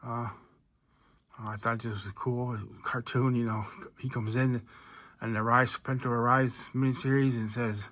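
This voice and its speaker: A man casually reviewing an action figure, relaxed and rambling with lots of fillers and restarts. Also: medium pitch, normal speed, no echo. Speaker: toy reviewer.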